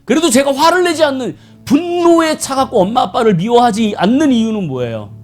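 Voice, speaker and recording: Animated male pastor preaching live. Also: very high-pitched, brisk. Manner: animated, conversational, asks the congregation rhetorical questions. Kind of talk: live Sunday sermon. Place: church worship service.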